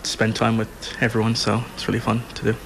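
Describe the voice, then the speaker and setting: A man in his twenties answering interview questions in short, hesitant phrases full of fillers. Soft background ambience runs behind him. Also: fairly low pitch, monotone, brisk, creaky, a little hiss or hum. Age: 20s. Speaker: programme participant.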